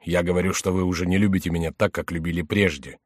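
A man's voice: sits low, steady tone, quick pace, no room sound, clean studio sound. A man voicing a distraught, hot-tempered male king in an audiobook, wailing and ranting. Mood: reproachful.

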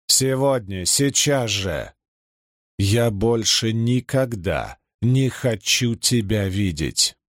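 A man's voice: fairly low pitch, dry recording, clean studio sound. A man voicing a proud, commanding young man who speaks in an imperious, furious way. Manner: shouting, imperious.

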